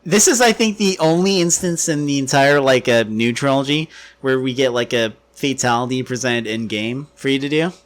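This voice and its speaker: A man's voice: medium pitch, moderate pace. A man co-hosting a podcast, chatting in a laid-back, agreeable way and laughing often. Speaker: podcast co-host. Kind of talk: casual chat.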